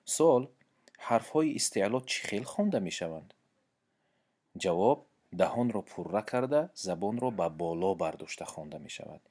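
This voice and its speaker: A man with a Tajik accent teaching a Quran recitation lesson, explaining pronunciation patiently with repetitions and hesitant pauses. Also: fairly low pitch, lively intonation, a little mellow. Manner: patient, repeats points and examples, frequent hesitations.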